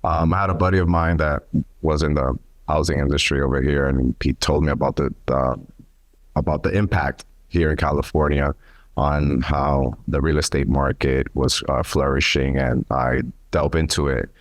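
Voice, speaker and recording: Very deep-voiced man from New York City. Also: steady tone, normal speed, no echo. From New York City, USA. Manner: casual, friendly, many fillers. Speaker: panel speaker, mortgage lender. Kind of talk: public speech at a symposium.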